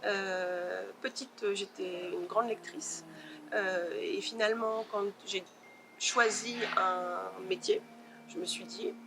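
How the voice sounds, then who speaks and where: A woman novelist answering interview questions in a thoughtful way, pausing often to search for her words. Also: medium pitch, fairly even intonation, noisy background.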